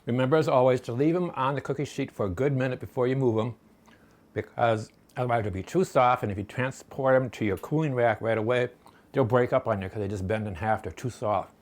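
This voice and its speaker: Folksy home-cook man, chatty and rambling, mid-pitched voice, casual kitchen demo. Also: brisk. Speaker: home cooking vlogger. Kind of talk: casual recipe demonstration.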